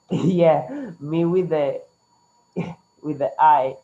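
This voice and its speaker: Online English teacher, Latin American Spanish accent, native Spanish speaker, mid pitch, encouraging and instructive, slightly dull class audio. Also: lively intonation, extremely slow, mellow. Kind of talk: interactive online language lesson.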